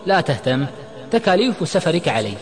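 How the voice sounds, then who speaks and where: A man narrator voicing an angry, reckless young man who shouts and pleads in a dramatic audio story. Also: on the high side, sing-song, brisk, big-room sound, voice pushed up. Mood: agitated. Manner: shouting, agitated.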